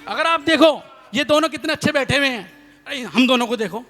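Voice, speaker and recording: A young male comedy poet performs on a live stage with a high, animated voice that swings all over. His tone is bright and forceful. Long hall reverb trails each line. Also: brisk, faint music behind. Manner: lively storytelling, calls on the audience to clap, acts out voices. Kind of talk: live comic poetry recital.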